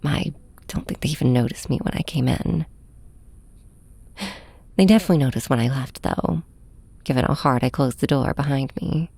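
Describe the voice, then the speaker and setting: In an audio drama blending first-person narration with ASMR, a woman leads as a heartbroken young flying superhero who confides in her nemesis and snaps at them. Her low-pitched voice is husky, soft and breathy, and she sounds hurt and subdued, speaking in a hesitant, halting hush with an exaggerated delivery. The sound is intimate and dry.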